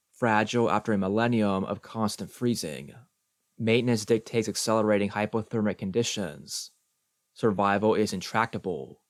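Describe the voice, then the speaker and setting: Slow, low-voiced male audiobook reader. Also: no echo, clean studio sound. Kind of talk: slow deliberate reading of experimental prose.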